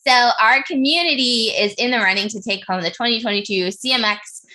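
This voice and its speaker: A woman co-hosting a casual community livestream, chatty and quick to laugh, speaking into a computer mic. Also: on the high side, bright, forceful tone. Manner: laughs often, bubbly.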